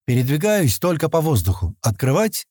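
A man's voice: a little high, very animated, normal speed, darkish tone, no room sound, clean studio sound, pitched above the performer's own voice. A man voicing a clever, decisive female alien colonist leader who speaks firmly and commands. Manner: firm, commanding.

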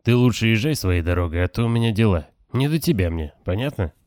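A man's voice: lowish voice, expressive, fast talker, darkish tone, no room sound, clean studio sound, natural voice. A man voicing a gloomy, nervous, defensive teenage boy in an audiobook. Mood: sullen. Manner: sullen, defensive.

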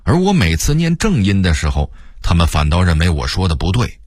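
Older Beijing man, radio storyteller, lively intonation, chatty. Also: low-pitched, fairly quick, no room sound, clean studio sound.

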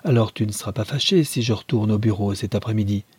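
A man's voice: on the low side, fast, darkish tone, husky, no room sound. A man voicing an anxious, coaxing young husband. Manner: questioning, coaxing.

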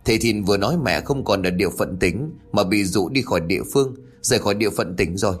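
A man's voice: on the low side, lively intonation, quick pace, breathy edge. A man doing an anxious young villager.

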